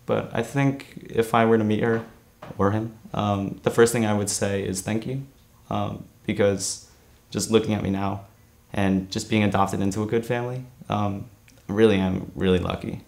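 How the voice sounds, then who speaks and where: A seventeen-year-old young man born in Korea, answering interview questions earnestly with frequent "um" pauses, in a studio. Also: lowish voice, steady tone, vocal fry, a little mellow. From born in Korea, raised in New Jersey. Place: studio against grey backdrop.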